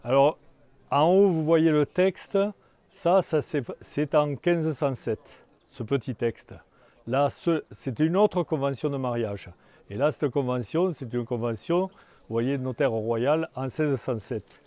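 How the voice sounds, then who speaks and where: An older man giving a guided tour of a hamlet outdoors, talking in a halting way with many restarts and fillers. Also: medium pitch, warm tone, no room sound.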